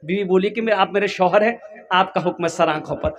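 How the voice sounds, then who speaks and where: A male Islamic preacher with a Kolkata Hindi-Urdu accent, telling a moral story in a sermon and acting out the characters' voices with big jumps in pitch. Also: brisk, a bit bright, a little hiss or hum.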